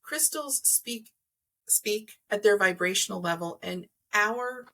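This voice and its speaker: Speaking slowly and expressively, an energy healer guesting on a podcast explains crystals and chakras, reworking her phrasing as she thinks aloud. Her voice is mid-range, pushed and bright, and the recording is rough.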